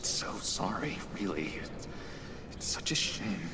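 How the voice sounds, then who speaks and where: Insincere eccentric for game drama, theatrical swoops, unhurried, noisy backdrop. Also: male voice, deep voice, very animated. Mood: mock sympathy. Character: eccentric insincere man, mockingly sympathetic, erratic. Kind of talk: video game drama acting. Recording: clearly noisy background.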